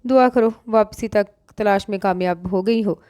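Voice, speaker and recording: A woman's voice: mid-range voice, normal speed, a little mellow, smooth, no echo, studio quality, natural voice. A woman voicing a playful young man who jokes affectionately with his sister-in-law. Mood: teasing. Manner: jokey, affectionate banter.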